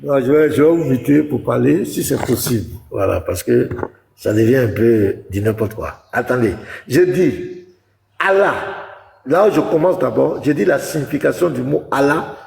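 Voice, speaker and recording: A man's voice: medium pitch, animated, moderate pace, vocal fry, darkish tone, reverberant, in a large hall. A man, a pastor, arguing in a heated religious debate, lecturing insistently and talking over the woman he debates. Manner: lecturing, insistent, talks over the other speaker.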